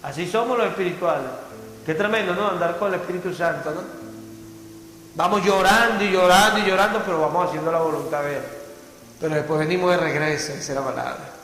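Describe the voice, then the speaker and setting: A man's voice: fairly high pitch, fast talker, a bit bright. A man preaching a sermon as pastor, fervently asking the congregation rhetorical questions. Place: church hall. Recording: echoey church hall, faint music.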